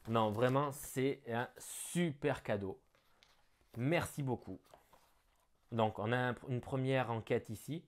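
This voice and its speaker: A man chats through an unboxing, thinking aloud as he goes. His pitch sits right in the middle of a man's range. He talks casually and breaks into bursts of excitement. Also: takes it slowly. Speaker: board game unboxing vlogger.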